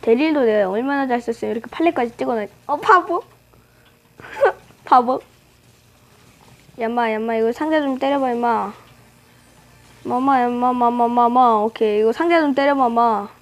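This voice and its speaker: A woman's voice: fairly high pitch, a little fast, low-quality recording. A woman commenting on her own gameplay as a channel host, playfully teasing and trash-talking her opponents. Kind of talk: live game commentary.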